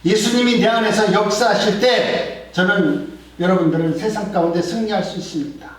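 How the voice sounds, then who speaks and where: A middle-aged man preaching a sermon as pastor, earnest, swelling louder and then dropping to soft, quiet lines. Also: high-pitched, moderate pace. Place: church sanctuary. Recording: very echoey church hall, mic at a distance.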